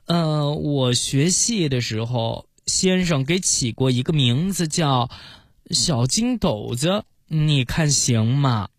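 A man's voice: mid-range voice, expressive, slow pace, no echo, clean studio sound. A man playing a poor young male opera apprentice who speaks bashfully and later stammers defiantly, in a children's storybook reading.

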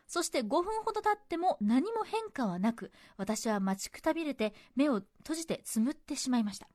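A woman co-hosting a radio show, reading a letter aloud and then chatting, expressive and quick to laugh. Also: sits high, no room sound, studio quality. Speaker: radio co-host reading listener mail.

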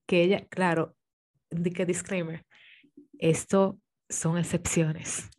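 A woman's voice: lowish voice, little pitch movement, slow pace, darkish tone. A woman guesting on a casual podcast, telling a story with lots of animation and frequent laughter.

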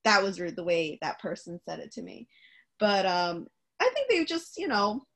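This young woman from Long Island speaks with the accent of that place. She reacts supportively and laughs easily, like a co-host in a friendly chat over a video call. Her voice has a middle pitch. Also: sing-song, normal speed, a bit bright. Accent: Long Island New York. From Long Island, New York. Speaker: podcast co-host. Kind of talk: casual chat.

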